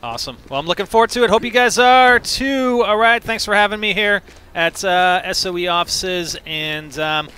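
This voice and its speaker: A man streaming a game, talking upbeat to viewers and reacting loudly to the action. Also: high-pitched, normal speed, smooth. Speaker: gameplay streamer. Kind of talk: casual gameplay commentary. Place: game studio office.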